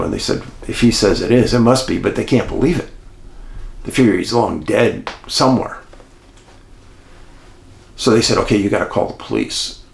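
Animated low-voiced man telling a mystery. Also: creaky, roomy sound. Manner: animated, addresses listeners as folks. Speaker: host and storyteller. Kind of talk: true-crime storytelling.

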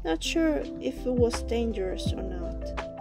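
Woman doing casual vlog voiceover, kinda high voice, music under it. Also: animated, a little slow. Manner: plain, informal, unpolished. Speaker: vlogger.

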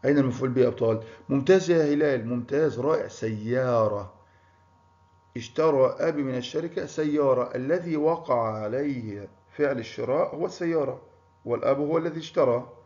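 A man's voice: mid-range voice, brisk, a little mellow. A man teaching a primary school grammar lesson, encouraging pupils and praising them by name. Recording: muffled lo-fi recording.

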